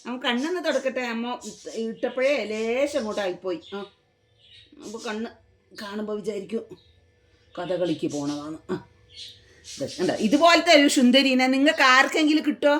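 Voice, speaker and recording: A woman's voice: on the high side, normal speed, pauses often, fairly bright tone. Doting woman in sing-song baby talk. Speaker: pet vlogger. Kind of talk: casual baby talk to a pet.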